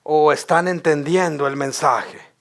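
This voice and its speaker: A man's voice: a little high, steady tone, a little slow, gravelly, fairly bright tone. A male pastor, preaching an impassioned sermon and stammering over repeated words as he builds his points.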